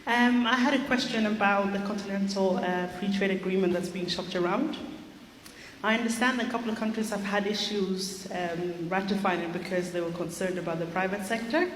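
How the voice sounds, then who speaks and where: Woman from South Sudan, audience question, measured and articulate, echoey room. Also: medium pitch. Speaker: audience member asking a question. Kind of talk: formal question from the floor. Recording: echoey hall with faint noise.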